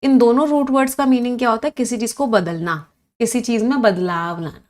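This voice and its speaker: Her voice is fairly high, brisk and a little mellow. She's a woman running an online English vocabulary lesson, quizzing students, complimenting their responses and spelling words while switching between Hindi and English.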